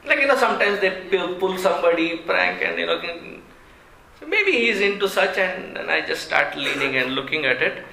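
A South Indian man speaks as an animated storyteller in a roomy, echoing space. His voice is fairly high and bright, and he sounds amused, leaving deliberate pauses as he goes. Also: gravelly. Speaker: speaker telling an anecdote to an audience. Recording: roomy echo, faint background noise.

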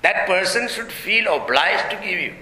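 Male spiritual teacher, Indian accent, slightly high and very forceful voice, explanatory discourse with humorous examples, recorded in a roomy, echoing space. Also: lively intonation, moderate pace. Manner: switches between English and Hindi. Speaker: swami giving a spiritual teaching. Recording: roomy echoing hall, faint background noise.

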